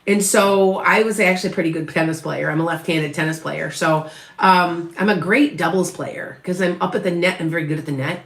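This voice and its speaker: This middle-aged Wisconsin woman, a psychic medium with an Upper Midwest accent from northwest of Chicago, chats with viewers during a live reading in a rambling way, with frequent restarts and asides. She speaks briskly in a lowish, steady voice that sounds reverberant.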